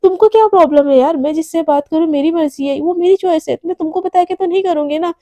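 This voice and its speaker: A blunt young woman senior, played by a woman narrator talks plainly and frankly in a high voice. Close, dry sound. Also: fast talker, mellow, no room sound.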